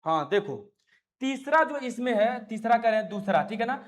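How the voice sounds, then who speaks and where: A man's voice: extremely high pitch, lively intonation, normal speed. A man teaching an online maths lecture, coaxing and repetitive, who keeps asking his students questions and calls them affectionate pet names.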